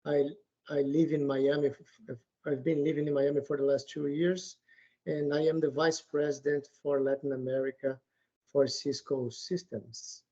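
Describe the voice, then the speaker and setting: A man's voice: fairly high pitch, flat delivery, normal speed, mellow. A man from Brazil, an executive, introducing himself cheerfully in careful English on a video call. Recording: dull video call audio.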